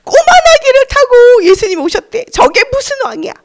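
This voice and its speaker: A woman's voice: extremely high pitch, very animated, brisk, vocal fry, pitched above the performer's own voice, heavily acted. Woman doing scoffing crowd of townspeople. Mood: mocking. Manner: incredulous, scornful. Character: mocking crowd of townspeople scoffing at a humble king.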